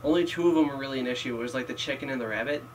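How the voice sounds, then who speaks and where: A man's voice: medium pitch, very fast. A young man chatting casually with friends while gaming, rambling through stories full of fillers. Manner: rambling, filler-heavy storytelling. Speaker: gamer friend. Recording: distant mic with clear background noise.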